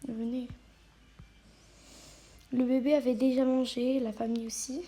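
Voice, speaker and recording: High-pitched lady vlogging slowly, chatty with her viewers, keeps going quiet and whispery. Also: flat delivery. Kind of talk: casual doll-play vlog.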